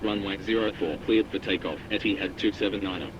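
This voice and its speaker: Low, fast man on a cockpit headset radio. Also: background noise. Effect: pilot radio heard through a cockpit headset. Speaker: airline pilot on the radio. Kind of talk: clipped radio readbacks. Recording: muffled radio channel.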